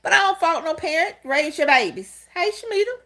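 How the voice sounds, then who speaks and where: Very high-pitched and animated, this fifty-something channel host speaks fairly quickly in a pushed, bright voice. She chats casually on her livestream, welcoming viewers and sharing stories frankly.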